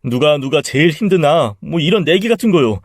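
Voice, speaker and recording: A scheming, spiteful son-in-law, voiced by a man, talks with open contempt. His voice sits a little high and is recorded dry. He turns defensive and stammering when caught. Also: animated, brisk, no echo. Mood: flustered. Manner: contemptuous, then flustered and pleading.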